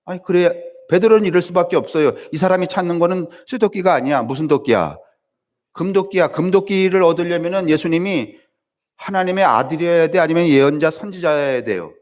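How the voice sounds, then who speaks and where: Pastor, male, church sermon; rhetorical questions, raised pitch, sharp jumps from loud emphasis to hushed asides. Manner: conversational preaching with rhetorical questions to the congregation; swings between loud high emphasis and low quiet asides.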